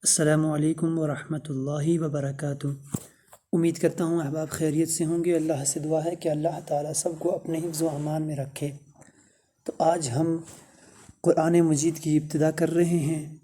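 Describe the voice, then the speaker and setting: A man with a Pakistani Urdu accent teaching Quran recitation step by step, chanting verses slowly between spoken explanations. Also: fairly high pitch, level tone, mellow, a little hiss or hum. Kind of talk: slow step-by-step recitation lesson.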